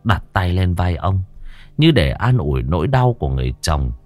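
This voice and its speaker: A man narrating a scripted horror story in a dramatic, drawn-out storytelling manner. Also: sits low, sing-song, a little mellow. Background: faint music.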